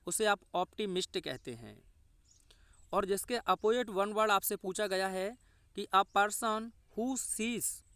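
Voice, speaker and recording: Male teacher, Hindi accent, high and smooth, dry close sound; explains slowly and quizzes himself rhetorically. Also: fairly bright tone, no room sound. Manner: explains step by step, asks and answers his own questions. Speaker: English teacher. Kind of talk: exam-prep lesson.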